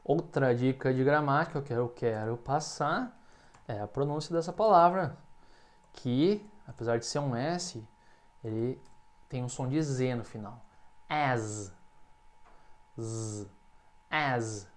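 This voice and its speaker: Brazilian male English teacher, patient explainer, speaks example sentences slow and clear. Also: mid-range voice. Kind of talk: language lesson.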